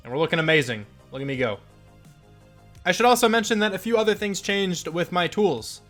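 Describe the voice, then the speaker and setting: A man's voice: high-pitched, expressive, fairly quick, fairly bright tone, faint music behind. A congested young man casually commentating his own game footage as the channel host, chatty and rambling with lots of fillers. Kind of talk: casual let's play commentary.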